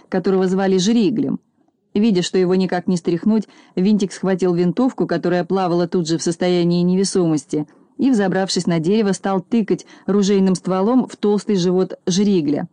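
A woman's voice: lowish voice, no echo. Woman reading a storybook aloud. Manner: lively, expressive reading. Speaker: narrator.

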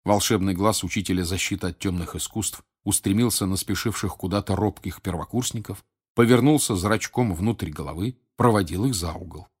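A man narrating an audiobook in a calm, measured reading voice. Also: deep voice, breathy edge. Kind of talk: scripted narration.

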